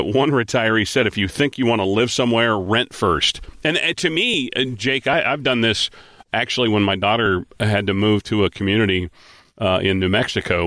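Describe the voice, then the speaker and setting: A man's voice: fairly low pitch, a bit bright, dry recording, clean studio sound. A man hosting a radio talk show in an upbeat, casual way, plugging the team and sharing his own advice.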